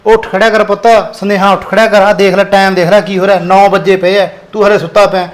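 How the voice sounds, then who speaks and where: A man's voice: high voice, little pitch movement, fast talker, natural voice. A man playing an impatient village farmer father with a Punjabi accent, scolding his son. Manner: scolding, nagging. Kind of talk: village drama acting.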